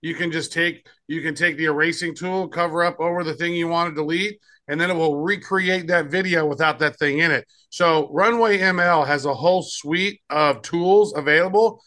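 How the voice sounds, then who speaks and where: A man's voice: on the high side, moderate pace, few pauses, sharp tone. A man co-hosting a podcast, chatting loosely as he demos tools, often trailing off and restarting. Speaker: podcast co-host. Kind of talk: casual chat demoing tools.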